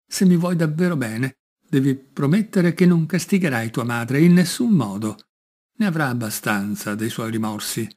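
A man voicing a gentle young mother, a forgiving fairy-tale heroine, speaking earnestly. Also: medium pitch, lively intonation, normal speed, natural voice.

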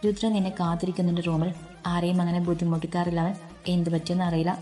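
A woman voicing a fond old grandmother who speaks softly in a storybook reading. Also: level tone, very fast, soft background music, lightly acted. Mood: fond, gentle. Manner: soft, low-voiced.

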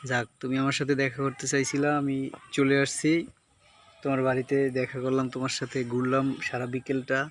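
A man's voice: medium pitch, completely flat delivery, a little fast, slight background noise. A man chatting casually to viewers and companions as a vlogger on location. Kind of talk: casual vlog chat.

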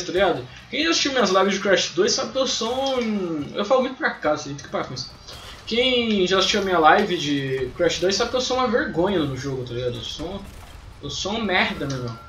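A young Brazilian man chats through a game stream in slangy, sweary rambles. His voice sits high and moves up and down a lot, in a roomy space with faint game music behind it. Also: animated, brisk, fairly bright tone, slight background noise. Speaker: gaming live streamer. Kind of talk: casual live game commentary.

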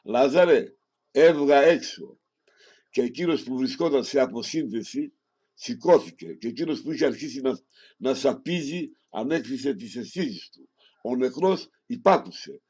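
A man's voice: medium pitch, expressive, a little mellow, husky. Solemn man reading a homily. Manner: solemn, measured, addresses the listener directly. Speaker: reader of a sermon. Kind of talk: read-aloud homily with closing prayers.

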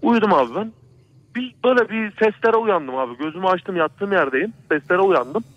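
His voice sits high and expressive, moving at a moderate pace with no room sound around it. He's a caller to a radio show, spinning a true horror story that keeps looping back to "he said" and "brother" as he rambles and repeats. It comes through as a dull lo-fi broadcast.

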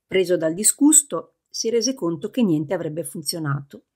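A woman reads a novel aloud as an audiobook, steady and measured. Her voice is lower than most women's, with a husky, slightly breathy texture. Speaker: audiobook narrator. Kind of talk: scripted audiobook narration.

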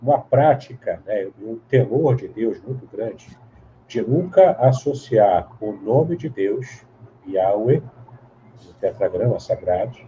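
Give me a man with a very warm, dark voice giving a teacherly interview answer, recorded with dull lo-fi sound. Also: lowish voice, expressive, slow pace. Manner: teacherly, long explanations with frequent tag questions and restarts. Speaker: guest Bible scholar. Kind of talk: casual interview explanation. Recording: dull lo-fi sound with faint hiss.

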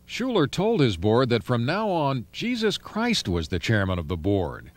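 A man giving scripted documentary narration in a measured storytelling delivery. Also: medium pitch, huge pitch swings.

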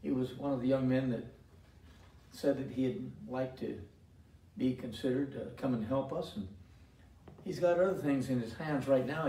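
An older man with a mellow, mid-range voice preaches a sermon as pastor in a church sanctuary. His delivery is emphatic, with repeated calls out to the congregation, and the distant mic picks up roomy echo.

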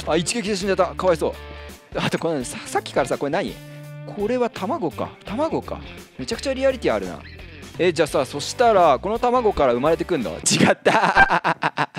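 A man narrates his game play in a casual, excitable way, his pitch jumping high and low. He breaks into yelps and quick repeated words when something startles him. Faint background music sits under his voice. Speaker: Minecraft let's-play host. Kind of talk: casual gameplay commentary.

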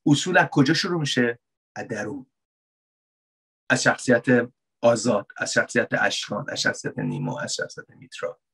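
A man preaching a conversational sermon, asking rhetorical questions and dropping into soft, wry asides. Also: mid-range voice, lively intonation, vocal fry, husky. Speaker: pastor.

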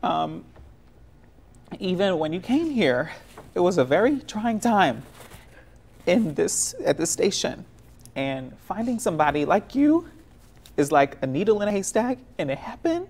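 A man's voice: high voice, very animated, a little slow, creaky, long pauses, darkish tone. An American man, a morning news anchor, giving an emotional, tearful unscripted farewell on air. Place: TV news studio.

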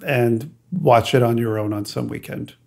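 Gravelly man co-hosting a podcast. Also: medium pitch, moderate pace, darkish tone, slight background noise. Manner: chatty, hesitant, with restarts and laughs. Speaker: podcast co-host. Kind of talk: casual chat.

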